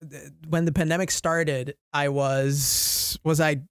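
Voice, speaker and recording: A woman's voice: low-pitched, steady tone, slow, clean tone, no room sound, clean studio sound. A woman in her twenties co-hosting a podcast, chatting casually, giggling often and reassuring her co-host. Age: 20s. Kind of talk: casual chat.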